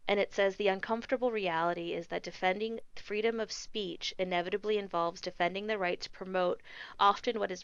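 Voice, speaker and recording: Earnest woman co-host on a casual podcast, fumbling with ums, low gravelly voice, dull lo-fi sound. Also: fairly bright tone, no room sound. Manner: earnest, hesitant, many ums and restarts. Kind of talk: casual panel discussion.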